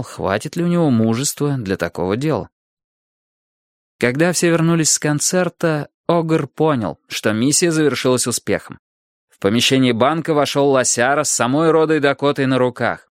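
A man narrating a fantasy audiobook in a steady, expressive storytelling manner. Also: medium pitch, no room sound, studio quality. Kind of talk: scripted narration.

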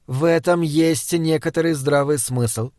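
A man voicing a calm, measured older wise woman in an audiobook. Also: on the high side, dry recording, studio quality, close to an everyday voice. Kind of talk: audiobook character reading.

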